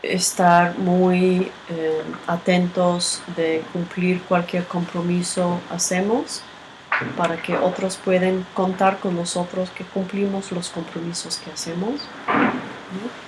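A woman giving a reflective teaching talk with a personal story. She speaks in a halting, unhurried way and often ends with a questioning tag. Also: lowish voice, little pitch movement. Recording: background noise.

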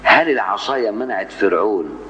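Egyptian sheikh teaching in a mosque. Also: male voice, lowish voice, long reverb tail. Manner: animated, fires rhetorical questions, recites verses slowly. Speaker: sheikh teaching Quran sciences. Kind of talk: mosque lesson. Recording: dull lo-fi 1980s tape with faint hum.

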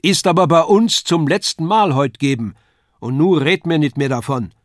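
Man putting on a shrill nagging wife, high and loud. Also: normal speed, no echo, clean studio sound, close to an everyday voice. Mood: scolding. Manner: shrill, scolding. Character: harsh, scolding puppeteer's wife.

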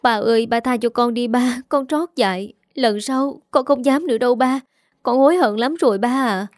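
A woman's voice: a little high, moderate pace, a little mellow, dry recording, studio quality, natural voice. A woman reading a storybook part of a remorseful young daughter who pleads and apologizes. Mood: pleading.

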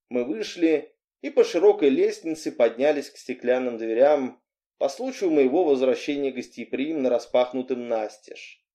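A man reading audiobook narration in a steady, expressive way. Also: a little high. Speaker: audiobook reader.

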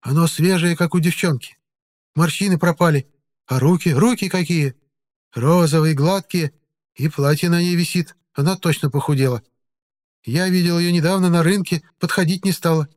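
A man's voice: on the high side, moderate pace, voice pushed up, close to an everyday voice. A man doing a nosy gossiping middle-aged woman. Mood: scornful. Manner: nosy, chattering in a raised voice. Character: gossipy baker's wife, about fifty, shrewd.

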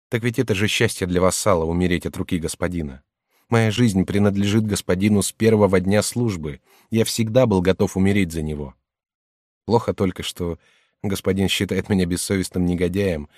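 A man's voice: low voice, a little mellow, no room sound, studio quality, natural voice. A man reading an audiobook and voicing a young male servant who is tearful and wrongly accused, pleading in a strained, raised voice.

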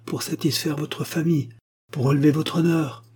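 A man's voice: fairly high pitch, steady tone, moderate pace, darkish tone, breathy edge, pitched above the performer's own voice. A man voicing an ardent young nobleman who pleads urgently and insistently. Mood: pleading. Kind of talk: audiobook character voice.

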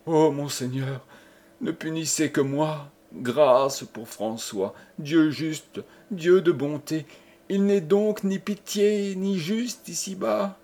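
A man's voice: medium pitch, measured pace, darkish tone, slightly rough. A man voicing a desperate pleading noblewoman. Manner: stammering, sobbing pleas. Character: desperate young noblewoman pleading for her husband.

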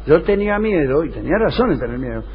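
A man with a Rioplatense Argentine accent hosts a radio comedy show, spinning absurd stories with mock seriousness in improvised dialogue. His voice is a little high, sing-song and husky, and he talks quickly. The recording sounds dull and noisy.

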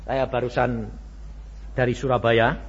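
A man preaching a sermon with a Javanese accent, emphatic, swinging from hushed asides to shouted exclamations. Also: medium pitch, flat delivery, a little slow, slightly rough. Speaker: pastor. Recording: dull lo-fi with faint background noise.

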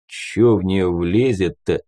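A man doing a gruff, slow older commander. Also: low-pitched, expressive, mellow, heavily acted. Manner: slow, unhurried, folksy.

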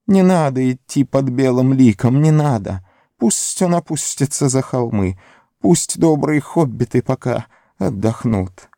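Whining, hissing Gollum. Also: male voice, medium pitch, animated, a little slow, warm tone, no echo, studio quality, pitched above the performer's own voice. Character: wretched creature Gollum, whining, split, cunning. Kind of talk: audiobook character voice.

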